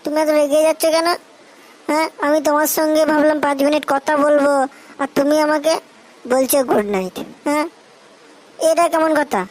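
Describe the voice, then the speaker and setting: A high-voiced, melodramatic young boyfriend, played by a woman in a comedy sketch. He pleads for attention and sinks into self-pitying laments. His talk is sulky and theatrical. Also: fairly even intonation, moderate pace, long pauses, darkish tone, lightly acted, poor audio. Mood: whiny. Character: lovesick young male boyfriend, whiny and melodramatic.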